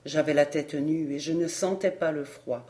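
A reader narrating a nineteenth-century novel in a measured, solemn way, as an audiobook. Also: mid-range voice, steady tone, darkish tone.

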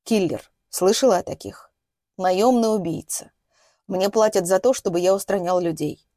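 A woman voicing a calm, quiet retired male hitman who speaks in a low, measured way. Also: no room sound, clean studio sound, close to an everyday voice.

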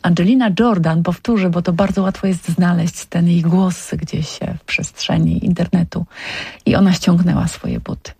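Radio host, woman, dark husky voice with fry, dry studio mic, gentle anecdotal delivery. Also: fairly low pitch, fairly even intonation, normal speed, dry recording. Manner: warm storytelling, tender diminutives. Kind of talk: radio interview.

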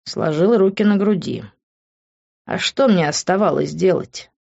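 A woman narrates an audiobook in a low voice, reading at a measured, even pace. The recording sounds dull and lo-fi. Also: gravelly. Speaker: audiobook reader.

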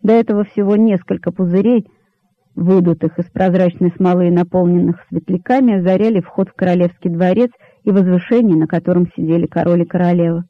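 A man's voice: high-pitched, steady tone, fairly quick, dry recording. Man reading a storybook aloud. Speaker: audiobook narrator. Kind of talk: storybook narration. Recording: dull lo-fi dry recording.

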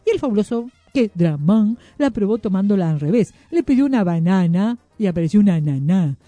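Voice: mid-range voice, fairly quick, muffled recording, faint music behind. Narrador de radio argentino, voz oscura. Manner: playful, lively read with wordplay. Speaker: radio storyteller. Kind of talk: children's story reading. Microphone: studio radio mic.

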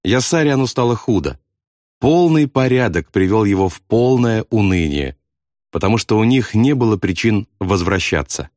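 Man narrating an audiobook, lowish voice, lively expressive delivery, dry close sound. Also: normal speed, no room sound. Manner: expressive storytelling.

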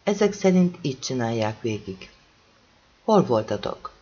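A man reading as a steady, pressing family friend. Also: medium pitch, slightly rough. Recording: dull lo-fi audiobook recording.

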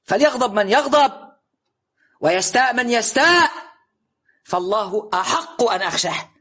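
High, bright-voiced insistent male preacher. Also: animated, normal speed. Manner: insistent, rhetorical questioning, emphatic recitation. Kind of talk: recorded religious lesson.

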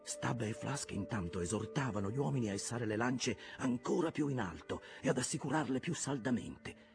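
A man narrating an audiobook of a classic novel in a calm, measured reading. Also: sits low. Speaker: audiobook reader. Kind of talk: scripted narration.

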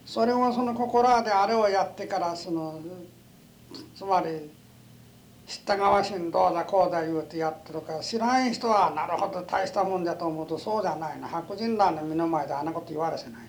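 A man's voice: high voice, a little fast. An older man with a western Japanese dialect, talking in a folksy, opinionated and emphatic way as he reminisces in an interview. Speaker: oral history interviewee, stone collector. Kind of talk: conversational reminiscence. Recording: noisy amateur interview tape.

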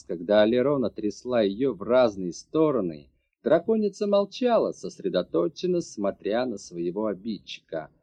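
A man's voice: mid-range voice, warm tone, no echo. A man reading a fantasy audiobook as narrator, storytelling expressively. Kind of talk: scripted narration. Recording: dull lo-fi audiobook recording.

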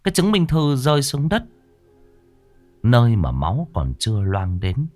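A man reading a ghost story aloud in a dramatic, expressive style. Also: mid-range voice, normal speed. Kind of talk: scripted horror story narration. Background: faint background music.

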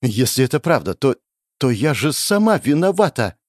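A man voicing an unhinged, jealous young goddess who is shrill and frantic, swinging between sweet and vicious. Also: very animated, normal speed, no echo, studio quality, close to an everyday voice. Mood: pleading.

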